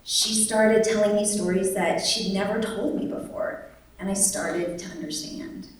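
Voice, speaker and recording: A woman's voice: mid-range voice, a little slow. Wry woman telling a story in an echoey hall. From born in Vietnam, raised in the United States. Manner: wry and humorous, animated, lively quoted voices. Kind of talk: live personal storytelling on stage. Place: large echoey venue at a live event. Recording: echoey hall, distant mic.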